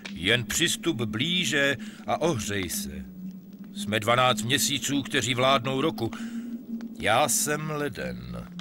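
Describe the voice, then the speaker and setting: A man's voice: mid-range voice, very animated, noisy background, close to an everyday voice. A man voicing January, a kindly, solemn old ruler of the months, in a Czech puppet play. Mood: solemn welcome. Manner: stately, measured, commanding. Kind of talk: Czech puppet theatre fairy-tale acting.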